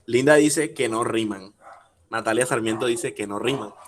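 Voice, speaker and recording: A man teaching a workshop over a video call. He patiently explains step by step, asks the audience questions and slowly spells out syllables. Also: medium pitch. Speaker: workshop speaker teaching rhyme. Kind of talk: online workshop lecture.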